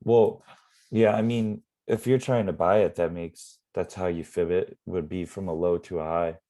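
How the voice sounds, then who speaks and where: A man explaining live trading in a relaxed, rambling way with many fillers, his voice going hoarse. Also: sits low, moderate pace. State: losing his voice. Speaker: forex trading mentor.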